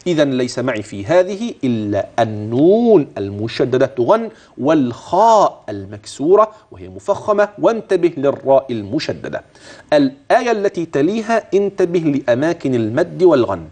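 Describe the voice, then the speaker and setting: A man teaching Quran recitation rules, explaining with animated speech and slowing down to chant verses as examples. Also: mid-range voice. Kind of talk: tajweed lesson with recited demonstrations.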